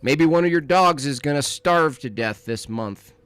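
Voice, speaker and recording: A man's voice: fairly high pitch, lively intonation, normal speed, a bit bright, clean tone, no room sound. Teasing, rambling male podcast host. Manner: teasing, rambling, laughs at his own jokes. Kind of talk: casual banter.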